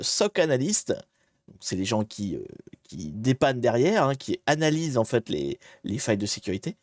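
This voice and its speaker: A man's voice: medium pitch, darkish tone, no echo, studio quality. A man hosting a live stream, explaining a security exercise in a jokey, chatty way and greeting his viewers. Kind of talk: casual live-stream tutorial.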